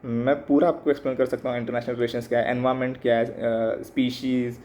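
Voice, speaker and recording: A man's voice: mid-range voice, flat delivery, quick pace, dark tone. A man in his mid-twenties talking in a casual reflective monologue, hesitant with many fillers and switching between two languages. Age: 20s. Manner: hesitant, many fillers, mixes English into Hindi. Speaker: exam aspirant vlogger. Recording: muffled, slightly lo-fi with faint background noise.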